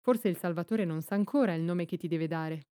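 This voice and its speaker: A woman's voice: fairly low pitch, a little fast, dark tone, clear, resonant tone, no room sound, clean studio sound, natural voice. A woman voicing an earnest, tired young boy warrior in an audiobook, in a plain reading voice.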